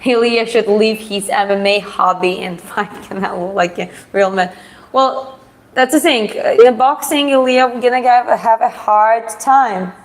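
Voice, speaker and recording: A live stream host from Georgia, a woman whose first language is Russian, chats casually in a live Q&A. Her voice is fairly high and a little slow. She phrases things hesitantly, reading viewer questions aloud and then answering them frankly.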